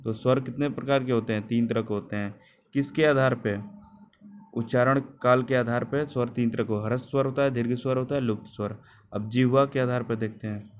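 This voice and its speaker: A man's voice: mid-range voice, fairly even intonation, a little fast, lo-fi sound, a little hiss or hum. A man teaching a grammar lecture, repeating key terms, asking rhetorical questions and correcting himself. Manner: self-correcting with "sorry".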